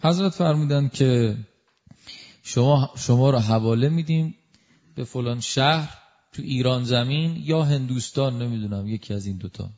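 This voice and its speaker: Male preacher telling a devotional story. Emotive, with loud exclamations and quiet asides. Medium voice, dull lo-fi sound. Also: mid-range voice.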